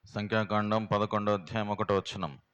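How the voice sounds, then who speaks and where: A man's voice: on the low side, steady tone, moderate pace, a bit bright, smooth, lo-fi sound. A pastor, preaching a plain, homely sermon and firing rhetorical questions at his congregation in a prayer house. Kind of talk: sermon teaching.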